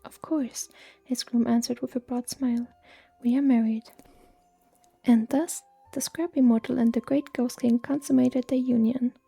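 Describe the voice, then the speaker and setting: A woman reading a story aloud in a slow, hushed, even ASMR whisper. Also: a little high, creaky, slightly rough, faint music behind. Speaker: reader.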